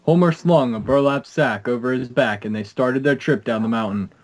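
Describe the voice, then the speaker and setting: A man narrating a story in a plain, steady read-aloud manner. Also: medium pitch, moderate pace, rough recording. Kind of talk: scripted narration.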